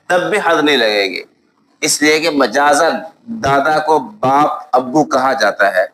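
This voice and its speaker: A man with a Pakistani Urdu accent teaching a lesson on Islamic law. He recites Arabic texts slowly, then explains them with examples and often checks that students follow. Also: mid-range voice, a bit bright, a little hiss or hum, rough recording. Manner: explains with worked examples and asks "ٹھیک ہے؟" to check understanding. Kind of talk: classroom lecture.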